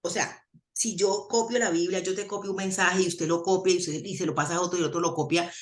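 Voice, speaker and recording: The theologian, a woman with a Colombian accent, talks quickly in a low-pitched voice on a radio interview, livening her explanations with stories and folksy sayings.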